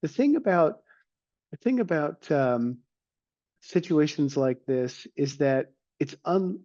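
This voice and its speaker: A man appearing as a guest therapist, speaking thoughtfully with pauses and small restarts. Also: fairly high pitch, expressive, warm tone, dull audio. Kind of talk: casual interview chat.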